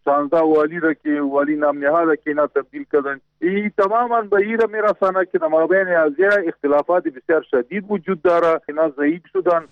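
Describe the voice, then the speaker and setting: A man's voice: a little high, fairly even intonation, few pauses, dry recording. A man with an Afghan Dari accent gives a spoken interview statement as an official spokesman. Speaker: defence ministry spokesman. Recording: muffled band-limited interview clip.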